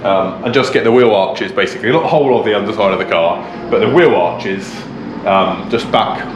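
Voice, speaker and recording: A man talking casually to camera in a rambling, informal walk-through, with a tractor rumbling behind him. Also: fairly quick. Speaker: car restoration vlogger, presenter. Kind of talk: casual vlog talk to camera. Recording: roomy echo, faint background noise. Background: tractor rumbling outside.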